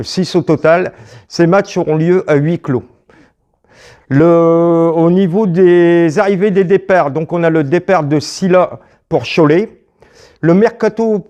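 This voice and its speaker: A man presenting a local community news bulletin, halting and hesitant, with many pauses and fillers. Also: a little high, mellow.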